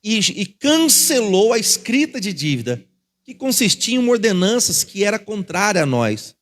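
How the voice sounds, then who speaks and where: High-voiced Brazilian pastor preaching. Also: male voice, very animated, moderate pace, fairly bright tone. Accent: Brazilian Portuguese. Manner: conversational preaching with anecdotes, addresses congregation as irmãos. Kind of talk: sermon. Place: church.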